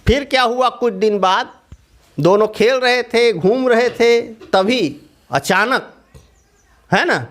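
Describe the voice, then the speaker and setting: A man narrating a children's story in an animated way, often asking his young listeners questions. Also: very high-pitched, takes it slowly, long pauses.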